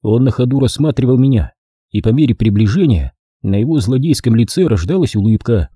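Husky man narrating a story. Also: medium pitch, brisk, no echo, clean studio sound. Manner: expressive, storytelling delivery. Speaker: audiobook reader. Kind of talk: scripted narration.

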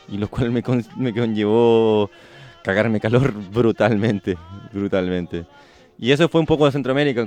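A man being interviewed on the radio as a touring cyclist, telling stories in a reflective, halting way with sudden shouted reenactments. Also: on the low side. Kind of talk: radio interview, casual storytelling.

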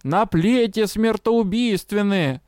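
A man voicing a creaky but loud old village crone who wails prophecies of doom in slow, drawn-out cries. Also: high-pitched, no room sound, studio quality, voice pushed up. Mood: doom-crying. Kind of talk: audiobook character voice.

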